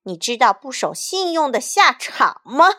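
女人扮演的被骗的吹笛人. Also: female voice, a little high, expressive, a little slow, a little mellow, voice pushed up. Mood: angry. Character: wronged male pied piper, proud and quick-tempered.

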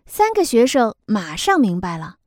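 Lively woman telling a children's story. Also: on the high side, normal speed, dry recording, studio quality. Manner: lively, expressive reading.

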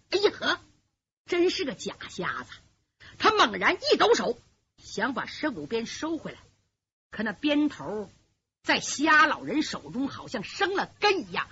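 A woman's voice: high-pitched, very animated, normal speed, pushed and bright. A woman telling a traditional martial arts story in a vivid, dramatic way. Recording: dull lo-fi recording.

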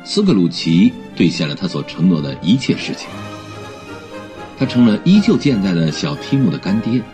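A man narrates a storybook in a deep, husky voice with lively, wide-ranging pitch. His telling is gentle and expressive. Faint music plays behind him. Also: normal speed.

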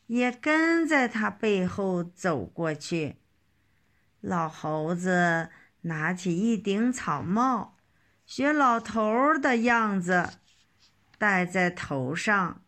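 A woman narrating a children's story in a slow, expressive storytelling manner. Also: medium pitch.

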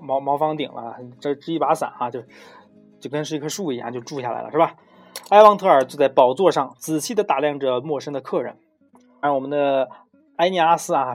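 Man, relaxed myth storyteller, chatty asides. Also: a little high. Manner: chatty, digressive, frequent tag questions.

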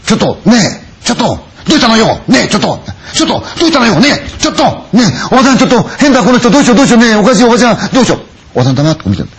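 A man's voice: medium pitch, animated, rapid-fire, few pauses, warm tone, breathy edge. A man voicing a terrified young woman who frantically pleads and repeats herself after finding her friend dead. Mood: panicked.

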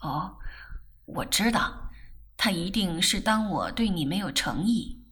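A gentle young man in a storybook reading, speaking low and soft with a light teasing edge, as a woman narrator puts him on. His lines come slowly and quietly, and the voice stays bright for all its lowered pitch. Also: lively intonation, slightly rough, heavily acted.

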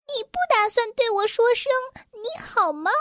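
A woman voicing a tiny mischievous male elf in a children's storybook, with a very high, squeaky, teasing voice. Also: lively intonation, normal speed, fairly bright tone, no room sound, studio quality. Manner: teasing, giggly. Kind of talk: storybook character voice.

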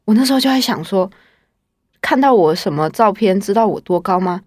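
A woman's voice: medium pitch, animated, fairly quick, darkish tone, no echo, studio quality. A woman in her twenties casually telling her own story in the first person, chatty and wry. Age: 20s. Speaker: guest storyteller.

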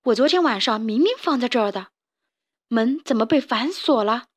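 A woman's voice: on the high side, expressive, moderate pace. A woman voicing a tired, puzzled father rooster in a children's storybook.

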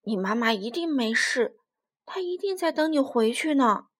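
A woman voicing a big, lonely T-rex who is gruff yet gentle, in a children's storybook. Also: high-pitched, sing-song, measured pace, exaggerated voice.

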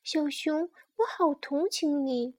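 A woman voicing a small, timid, sympathetic sparrow in a children's story, speaking softly and pleadingly. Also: high voice, takes it slowly.

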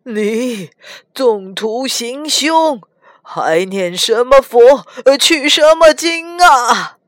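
A woman voicing a wailing, accusing old man in a children's storybook, slow and loud. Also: fairly high pitch, animated, no echo, studio quality.

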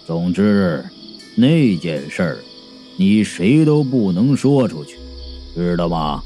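A scheming hospital director from an audiobook, talking in a very deep, dark, hushed growl. he sounds grave and scolding, each order coming down heavily, as a male narrator puts him on. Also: unhurried, soft background music. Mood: stern. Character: stern, scheming hospital director, middle-aged man.

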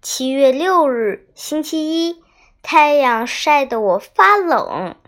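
A young girl hosting a storytelling show, reading a children's diary story aloud in an expressive, dramatic way. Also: high-pitched, takes it slowly.

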